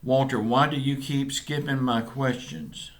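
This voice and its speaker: With a medium-pitched voice and fairly even intonation, a Southern-accented American man co-hosts a vlog and fields viewer questions. The casual chat is easygoing and somewhat rambling, halting and full of fillers.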